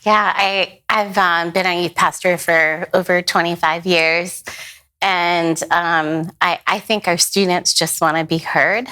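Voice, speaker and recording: A woman pastor speaking in a thoughtful, measured way during a roundtable discussion. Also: fairly low pitch, fairly even intonation, bright, forceful tone, clean tone. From United States.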